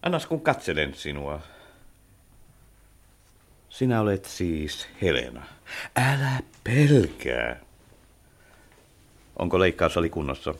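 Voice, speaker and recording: An older man playing an aging architect in a radio play, commanding at times and gentle at others. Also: deep voice, sing-song, pauses often, heavily acted. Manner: commanding, then wistful and gentle. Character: aging male architect, stern yet tender. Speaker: old architect character.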